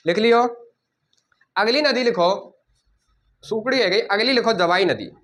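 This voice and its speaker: A man teaching a coaching class, dictating notes and repeating key words slowly so students can write them down. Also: sits high, fairly bright tone.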